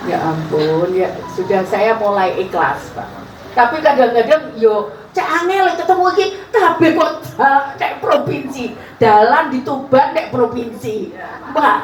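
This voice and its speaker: A woman with an East Javanese accent, a political candidate giving an informal campaign speech as chatty storytelling with frequent laughs. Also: high-pitched. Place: community event space. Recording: echoey, distant, noisy room.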